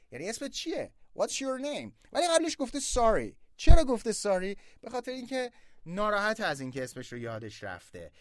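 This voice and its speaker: A man teaching English, patiently explaining and then slowly modeling phrases, emphatic about pronunciation. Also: a little high, no room sound, clean studio sound. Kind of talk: language lesson.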